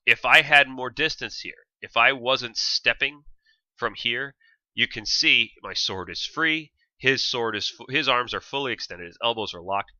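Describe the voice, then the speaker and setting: A man giving casual explanatory video commentary on his own fencing footage, halting and thinking aloud step by step. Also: fairly low pitch, sharp tone, dry recording. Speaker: fencer reviewing own sparring footage. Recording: slightly dull, lo-fi, dry sound.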